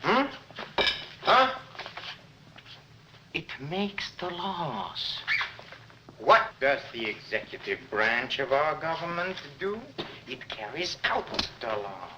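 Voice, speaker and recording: An actor playing a slow-witted, menacing henchman in a laboured, halting manner in an old 1940s comedy film. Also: a little high, very animated, noisy background. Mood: plodding concentration.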